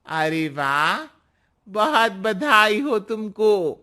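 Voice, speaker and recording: Cartoon auntie, older woman, slow and knowing, measured delivery, voiced by a woman. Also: medium pitch, sing-song, sharp tone, exaggerated voice. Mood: welcoming. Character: older neighborhood auntie, warm but secretive. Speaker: neighbor. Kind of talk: cartoon voice acting.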